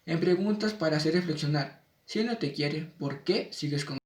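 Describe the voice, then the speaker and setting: A man's voice: a little high, normal speed, recorded from a distance. Man reading a spelling lesson, echoey. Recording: echoey room, voice off-mic.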